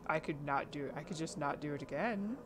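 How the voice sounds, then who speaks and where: Against a noisy background, a woman with a low, husky voice talks briskly to her live-stream audience. She's casual and rambling, trailing off, restarting, and laughing frequently.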